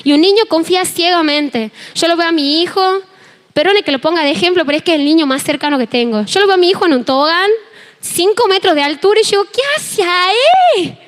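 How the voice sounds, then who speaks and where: A young woman with an Argentine accent, preaching a sermon and telling a personal testimony in an animated, storytelling way. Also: very high-pitched, quick pace. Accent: Argentine Spanish. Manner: animated storytelling, acting out dialogue. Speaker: preacher and worship team member.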